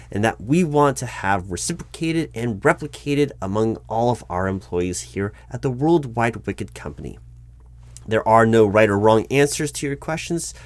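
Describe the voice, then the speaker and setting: Speaking with a mid-range voice and no echo, a man performs a solo job interview roleplay as a polite, by-the-book recruiting manager whose language is formal and wordy.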